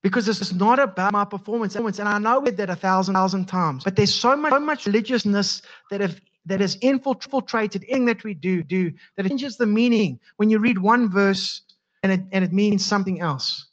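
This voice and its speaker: A man from South Africa with a South African accent preaching a sermon as pastor, halting and often repeating his words. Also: high-pitched, fairly bright tone. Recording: dull lo-fi sound.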